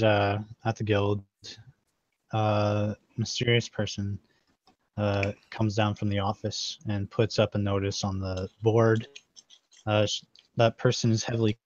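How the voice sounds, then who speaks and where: A man narrating as game master in a tabletop game, halting and full of fillers. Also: fairly low pitch, darkish tone, muffled recording, slight background noise.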